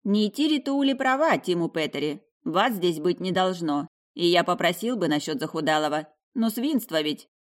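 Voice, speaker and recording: A woman voicing a fussy, distracted male ghost gatekeeper in an audiobook, raising her voice high for him. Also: animated, normal speed, hardly any pauses, lightly acted. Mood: mock-polite. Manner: distracted, raised, mock-polite.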